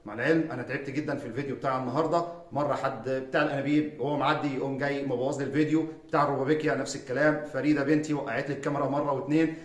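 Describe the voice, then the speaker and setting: Upbeat Egyptian teacher, echoey room. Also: male voice, mid-range voice, fairly even intonation, very fast, hardly any pauses. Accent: Egyptian Arabic. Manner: upbeat, chatty teacher who repeats "tamam?". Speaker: English teacher. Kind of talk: friendly explainer lesson.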